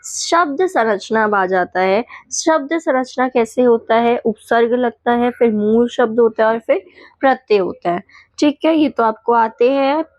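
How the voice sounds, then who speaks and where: A woman teacher going quickly through exam revision points, listing definitions and checking in with the class as she goes. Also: on the high side, no room sound.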